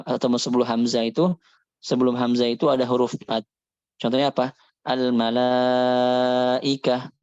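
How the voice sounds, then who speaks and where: A man giving a religious lesson on Quran recitation, calmly explaining and slowly demonstrating Arabic sounds. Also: medium pitch, dry recording, highs cut off.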